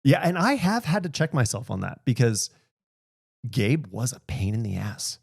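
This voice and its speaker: A man's voice: medium pitch, big pitch swings, moderate pace, creaky, slightly rough, no echo, clean studio sound. A man in his thirties, a podcast host talking candidly in casual conversation and laughing often.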